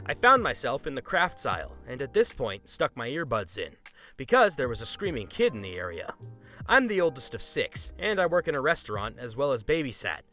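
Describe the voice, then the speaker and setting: A man narrating a first-person story in an expressive, scripted reading. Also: medium pitch, a little fast, soft background music.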